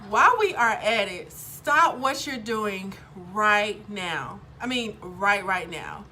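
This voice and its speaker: A woman's voice: medium pitch, animated, takes it slowly, sharp tone, a little hiss or hum. A woman in her thirties chatting casually to camera as a vlogger, upbeat and full of fillers. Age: 30s. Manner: upbeat, chatty, lots of ums.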